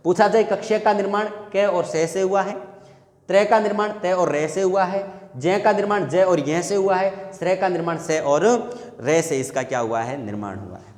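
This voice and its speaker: A man's voice: high-pitched, moderate pace, a little mellow. A male Hindi teacher giving an exam-prep grammar lesson. He asks the students questions, answers them himself, and repeats the key points. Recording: echoey room with long reverb.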